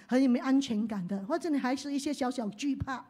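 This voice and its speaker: Woman pastor, high voice, sermon that swings from hushed to loud. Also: fairly quick. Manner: leads the congregation in call-and-response, swings from hushed to loud.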